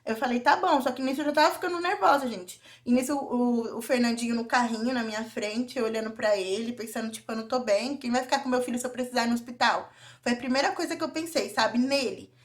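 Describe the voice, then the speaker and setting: A young woman with a Brazilian Portuguese accent tells a personal story straight to her viewers in a confiding, intimate vlog. Her voice sits a little high, and she keeps pulling the audience in as she talks. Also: quick pace. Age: young adult. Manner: confiding, often addresses viewers directly. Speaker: vlogger.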